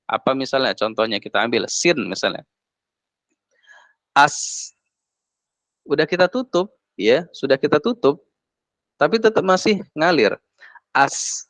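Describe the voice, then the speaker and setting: A man's voice: medium pitch, fairly bright tone, dry recording. A man teaching Quran recitation, patiently demonstrating letter sounds one by one. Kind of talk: classroom lesson on letter articulation. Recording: dry, dull lo-fi recording.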